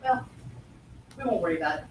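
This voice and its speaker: A woman founder giving a business pitch and walking the audience through a live demo, explaining things step by step. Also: expressive, quick pace, a little hiss or hum. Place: event room at a startup pitch night. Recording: echoey room from far off.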